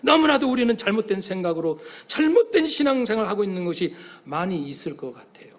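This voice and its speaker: A middle-aged man preaching a sermon as pastor, animated and heartfelt, sometimes acting out the voices in his story. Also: sits high, fast talker.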